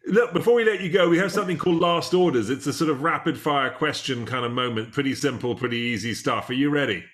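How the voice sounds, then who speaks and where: A man hosts a relaxed interview chat. His voice is medium in pitch, and he banters lightly with those around him. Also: fast. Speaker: interview host.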